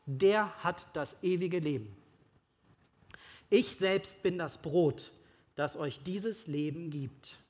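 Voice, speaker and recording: A Bible reader speaking the lines of Jesus as a calm, solemn teacher, slow and deliberate, with a husky tone. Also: medium pitch, lightly acted.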